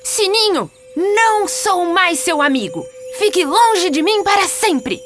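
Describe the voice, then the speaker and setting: Storybook boy hero, high and pushy, woman doing the voice, Brazilian, music bed. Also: very animated, normal speed, full character voice. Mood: angry. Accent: Brazilian Portuguese. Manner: eager, commanding, raised high boyish voice. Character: boastful young boy leader Peter Pan. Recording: soft music behind.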